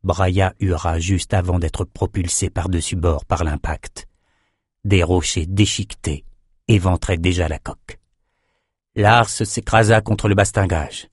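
Low-voiced male audiobook narrator. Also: steady tone, unhurried, breathy edge, no room sound, clean studio sound. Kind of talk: scripted narration.

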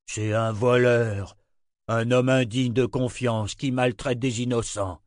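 A man doing a slow, stern accuser. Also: medium pitch, fairly even intonation, no room sound, studio quality, lightly acted.

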